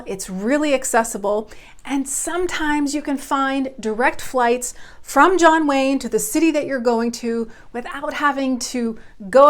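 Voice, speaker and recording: A bubbly woman in her thirties, talking straight to camera as a realtor and channel host. Her voice sits a little high for a woman, and she gushes with excitement in an upbeat, casual vlog manner. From Oklahoma. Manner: bubbly, gushing. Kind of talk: enthusiastic vlog talk.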